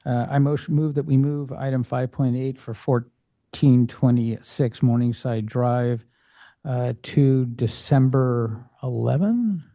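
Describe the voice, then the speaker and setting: Halting man chairing a public board meeting. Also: medium pitch, mellow. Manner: halting, restarts sentences often.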